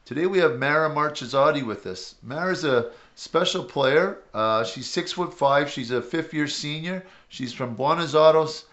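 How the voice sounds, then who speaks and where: A man with a fairly high-pitched voice hosts an interview show as a basketball coach. He introduces players and asks questions in a measured, steady way, sometimes restarting a word. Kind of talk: radio interview show hosting.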